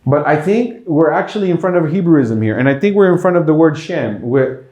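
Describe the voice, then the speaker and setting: A man with a warm, relaxed voice teaches scripture in an echoey room. He explains patiently, one step at a time. He keeps checking that his listeners follow with quick rhetorical questions. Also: fairly high pitch. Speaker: congregation teacher. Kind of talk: bilingual Bible teaching.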